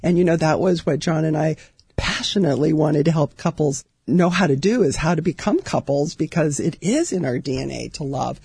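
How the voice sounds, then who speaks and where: Outgoing woman counselor, 50s, hoarse and raspy, dark tone, enthusiastic radio guest. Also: low-pitched, fairly quick, dry recording, studio quality. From Southern California. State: hoarse from allergies. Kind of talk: radio interview. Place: radio studio.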